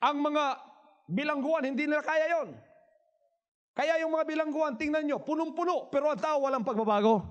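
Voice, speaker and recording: A man preaching a sermon in Taglish, repeating words for emphasis, swinging from quiet asides to shouted cries, and firing questions at his congregation. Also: extremely high pitch, normal speed, highs cut off. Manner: asks the crowd rhetorical questions. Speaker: pastor.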